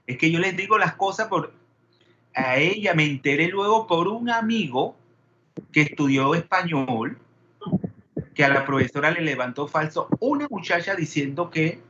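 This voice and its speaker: A man's voice: on the high side, highs cut off, background noise. A man teaching a chemistry class, peppering students with questions and wandering into digressions. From Panama. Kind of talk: classroom lecture.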